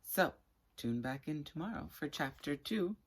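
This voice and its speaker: With a low, husky voice, a woman reads a children's story aloud, chatting to viewers along the way in expressive, deliberate phrases.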